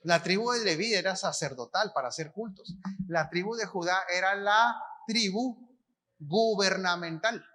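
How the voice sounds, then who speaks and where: Man, Mexican Spanish accent, preaching, high voice, colloquial, asks and answers his own questions. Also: unhurried, sharp tone. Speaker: apostle preaching. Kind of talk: conference sermon.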